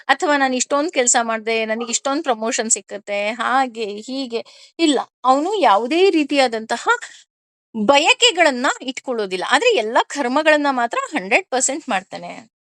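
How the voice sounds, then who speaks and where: A woman's voice: high voice, dry recording. A woman explaining Sanskrit scripture verse by verse, with everyday examples and frequent questions to her listeners. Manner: lively, asks listeners questions. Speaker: spiritual teacher. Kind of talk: discourse on scripture.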